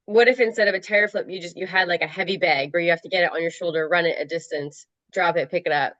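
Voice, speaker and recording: A woman's voice: fairly low pitch, fairly even intonation, fast, fairly bright tone, highs cut off. A woman co-hosting a casual fitness podcast. She mostly answers with short agreements and practical coaching tips. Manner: brief agreeing replies, practical coaching suggestions. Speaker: podcast co-host.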